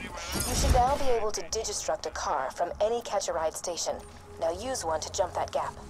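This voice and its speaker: A woman acts a helpful young guide in a video game. She gives composed, instructive lines at a medium pitch, with prominent music behind her. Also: lively intonation, normal speed, natural voice. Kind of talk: scripted video game dialogue.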